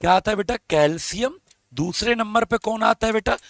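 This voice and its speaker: A man's voice: high-pitched, normal speed, fairly bright tone, no room sound. A male teacher, giving a live exam-prep lesson, coaxing students for answers and talking through a strained throat. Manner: coaxing, calls students beta and babu, asks for comments.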